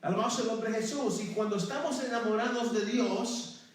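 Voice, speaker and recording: High-voiced pastor preaching in an echoey hall. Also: male voice, brisk. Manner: calls out to the congregation, repeats "hermano" and praise phrases. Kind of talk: sermon. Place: church sanctuary. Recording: very echoey church hall from far off.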